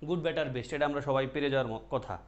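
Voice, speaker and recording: A man's voice: mid-range voice, fast talker, dull audio. A man teaching an online English grammar class, explaining step by step, repeating words and asking his students questions.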